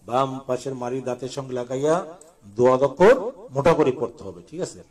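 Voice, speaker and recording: A man teaching Quran letter pronunciation, slowly chanting drills between quick colloquial explanations. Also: mid-range voice, a little mellow, distant mic.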